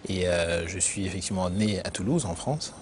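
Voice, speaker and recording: A man who grew up in Benin, an internal auditor answering interview questions in a measured, explanatory way with frequent hesitations. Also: low-pitched, slight background noise. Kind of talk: corporate career interview.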